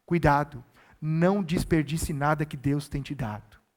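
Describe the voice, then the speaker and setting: Man, pastor, sermon, high voice, earnest exhortation, repeats phrases. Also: a little slow, darkish tone.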